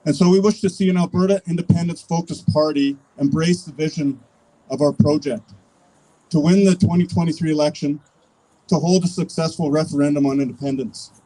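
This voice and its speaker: A man with a Canadian accent giving a political rally speech as an activist, in earnest, measured, declarative phrases. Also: fairly high pitch, steady tone, warm tone, rough recording. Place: public rally, speaking to an audience.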